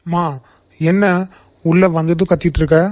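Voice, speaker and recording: A man as a calm, mellow young son. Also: on the high side, normal speed, no echo, lightly acted. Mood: firm. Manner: calm, reasoning. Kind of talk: cartoon voice acting.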